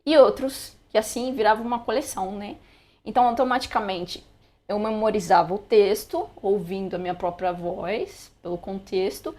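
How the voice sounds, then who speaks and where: A woman's voice: medium pitch, moderate pace, darkish tone. A young woman with a Brazilian Portuguese accent, chatting casually as she walks through a screen-recorded lesson with frequent asides. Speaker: language learner sharing study tips.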